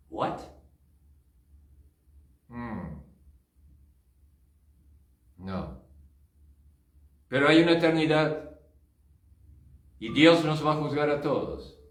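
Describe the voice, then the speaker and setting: An older male pastor giving a fervent sermon testimony, dropping in short English asides. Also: mid-range voice. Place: church. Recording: roomy church sound, distant mic, faint music.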